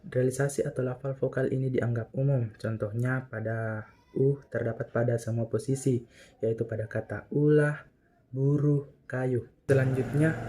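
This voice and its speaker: A man's voice: mid-range voice, warm tone, a little hiss or hum. Young man presenting phonology. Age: young adult. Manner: explains carefully, slows down to pronounce example words. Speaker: student presenter.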